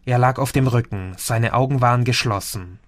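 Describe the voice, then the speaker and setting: A man narrates an audiobook in a steady, measured voice of middle pitch. The recording is close and dry, with no room around him. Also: dry recording. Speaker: audiobook reader.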